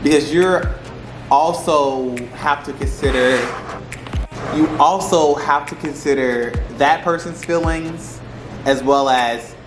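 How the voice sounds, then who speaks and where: A man's voice: a little high, takes it slowly. A man talking casually to camera in slangy, rambling speech, repeating phrases for emphasis as he gives advice. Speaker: vlogger giving relationship advice. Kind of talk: casual mukbang chat to camera. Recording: roomy echo with music behind. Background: music.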